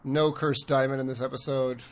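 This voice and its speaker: Co-host, Colorado accent, laid-back casual chat, mid pitch. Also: flat delivery, moderate pace. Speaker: podcast co-host.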